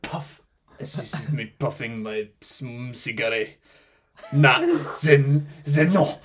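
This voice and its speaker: A man's voice: medium pitch, takes it slowly, slightly rough. A man voicing a cocky duke set on claiming a crown, in a playful, mock-defiant way.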